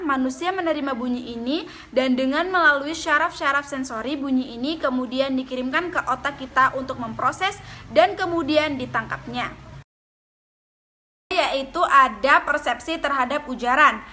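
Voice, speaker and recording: A young woman reads out a lesson at a steady pace, keeping close to her notes. Her voice sits high and has a bright, clear edge. She sounds like a student presenting coursework. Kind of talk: reading a lecture presentation.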